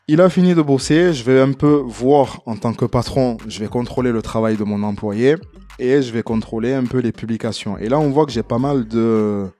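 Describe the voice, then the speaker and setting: A man walking viewers through a casual screen-recording tutorial, chatty and relaxed with plenty of fillers and some self-deprecating humor. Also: mid-range voice, dry recording. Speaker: tutorial creator.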